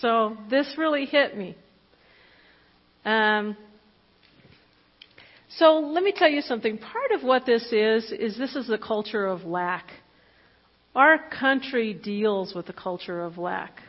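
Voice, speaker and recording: A woman's voice: a little high, slow, long pauses. Fifty-year-old woman preaching in an echoing hall. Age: 50s. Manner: candid, conversational, with fillers and self-corrections. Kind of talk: personal testimony sermon. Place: church hall. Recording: dull lo-fi recording with long hall reverb.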